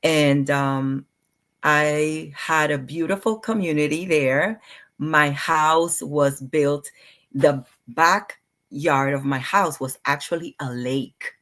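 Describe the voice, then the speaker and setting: A middle-aged clinical psychologist from Puerto Rico speaks softly and unhurriedly in an interview conversation. Her voice is low-pitched and steady, at a slow pace.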